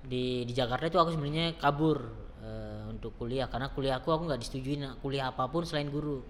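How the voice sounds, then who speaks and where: A man in his thirties telling his life story in a casual interview, fast, often swearing and acting out what people said. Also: medium pitch, fairly bright tone, a little hiss or hum. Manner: fast, swears often, acts out quoted dialogue. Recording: long reverb, faint background ambience.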